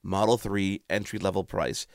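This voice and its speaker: A man's voice: deep voice, fairly even intonation, normal speed, creaky, no echo, clean studio sound. A man hosting a radio show in casual chat, chatty and playful, often interrupting himself.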